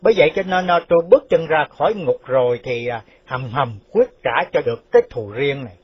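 A man's voice: mid-range voice, lively intonation, a little fast, husky, dry recording. Man voicing a stern vengeful ex-convict. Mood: reproachful. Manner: firm, scolding. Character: vengeful escaped male convict, stern, middle-aged. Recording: dull lo-fi dry recording.

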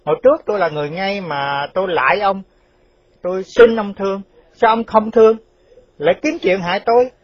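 A man's voice: on the high side, expressive, moderate pace, slightly rough, no echo. A man voicing a vengeful escaped male convict who speaks firmly and scoldingly. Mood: reproachful. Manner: firm, scolding. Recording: dull lo-fi dry recording.

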